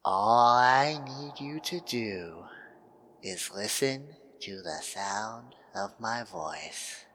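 A man voicing a huge, greedy male otter in a hypnosis roleplay, speaking in a slow, coaxing, teasing way. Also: fairly low pitch, animated, fairly bright tone, a little hiss or hum, heavily acted. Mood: soft, hypnotic.

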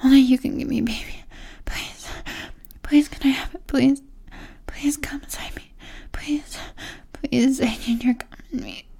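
A woman performing an intimate audio roleplay in a soft, breathy whisper. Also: high-pitched, steady tone, a little slow.

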